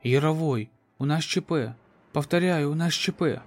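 A man's voice: a little high, moderate pace, darkish tone, soft background music, pitched above the performer's own voice, natural voice. A man playing a desperate wounded spaceship captain, urgent, strained and commanding, in a sci-fi horror audio drama. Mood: urgent alarm.

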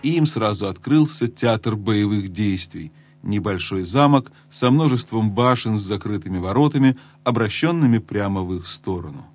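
A man reads a children's fantasy story in a measured, storytelling voice that sits on the low side. In the tense moments he drops lower and quieter, almost hushed. Faint music plays underneath. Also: animated. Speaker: audiobook narrator. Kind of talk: scripted storybook narration.

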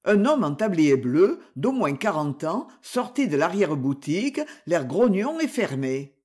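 Expressive audiobook narrator, lively delivery. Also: medium pitch, measured pace, husky. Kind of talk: scripted narration.

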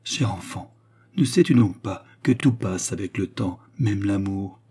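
A male reader voicing a tender woman who quietly consoles her grieving sister in murmured tones. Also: fairly low pitch, a little slow, husky. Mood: consoling.

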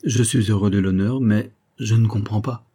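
A man's voice: lowish voice, moderate pace, mellow, slightly rough. A man doing an aghast old chemist. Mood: shocked. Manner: exclaiming, aghast. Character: shocked elderly male chemist, gentle and upright.

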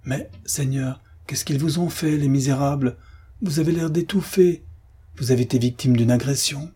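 A man's voice: moderate pace, dark tone, husky. A man reading an audiobook, voicing a devoted male concierge who frets and exclaims in a raised voice. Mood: alarmed. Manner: anxious exclamations, higher pitched.

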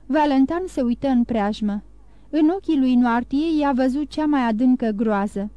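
High-voiced woman reading an audiobook. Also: warm tone, dry recording, muffled recording. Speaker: audiobook narrator. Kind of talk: audiobook narration.

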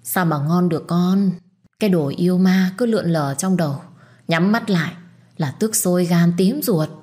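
A scornful, sharp-tongued middle-aged mother-in-law, put on by a woman reading an audio story. She scolds in a shrill, raised register, hurling insults at her daughter-in-law. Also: normal speed, natural voice.

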